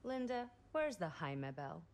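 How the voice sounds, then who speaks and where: An actress voicing a sharp-tongued, fed-up young adult sister in a video game, talking bluntly and sarcastically. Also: female voice, lowish voice, big pitch swings, a little slow. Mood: dry.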